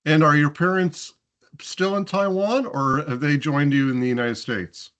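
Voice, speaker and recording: A man's voice: fairly high pitch, moderate pace, a bit bright. A man hosting a fireside chat interview, asking long rambling questions with frequent restarts. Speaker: interview host.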